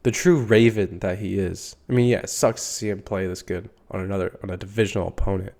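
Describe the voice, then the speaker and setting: Low-pitched and fast, with vocal fry and a darkish, steady tone, a young man hosts a solo sports podcast in a stuffy, congested voice. He rambles casually, leaning on fillers and swearing now and then.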